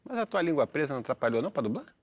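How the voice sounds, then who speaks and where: An actor playing a cheeky, contrarian young Brazilian driver who contradicts everyone. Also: male voice, on the high side, sing-song, very fast. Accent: Brazilian Portuguese. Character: know-it-all young male driver Julinho.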